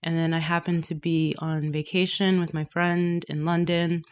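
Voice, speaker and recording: A woman's voice: lowish voice, moderate pace, clean tone. A woman from Canada, a painter, talking casually in an interview and laughing often. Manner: laughs often, relaxed and chatty. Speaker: guest painter.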